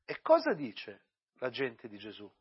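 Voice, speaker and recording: A man preaching a church sermon, praying with many pauses and repeated addresses, then reading and explaining scripture. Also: medium pitch, wildly swooping pitch, husky, lo-fi sound. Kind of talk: sermon with prayer and Bible reading.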